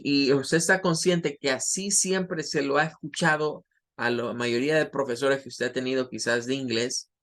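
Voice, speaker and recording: A man's voice: on the high side, a bit bright. A man teaching English pronunciation in a lecture, explaining patiently and repeating example words. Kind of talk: online lecture.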